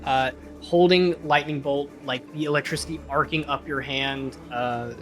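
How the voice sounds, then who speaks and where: Male game master, a bit high-pitched, easygoing rulings, faint music behind. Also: normal speed. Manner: relaxed, filler-heavy rulings. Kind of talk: narrating a tabletop game.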